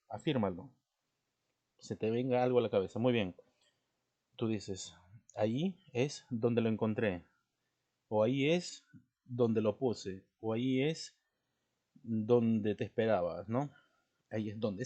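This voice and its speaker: A man's voice: mid-range voice, warm tone. A man teaching a language class, explaining step by step and often checking in with his students. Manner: clears throat now and then. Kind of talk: recorded class lesson.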